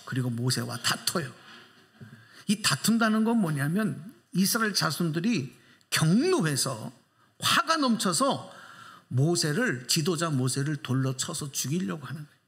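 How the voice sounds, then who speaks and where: Emphatic pastor, high-pitched man. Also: very animated, unhurried, a bit bright. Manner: emphatic, asks the congregation rhetorical questions; swings pitch widely for emphasis. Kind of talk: sermon.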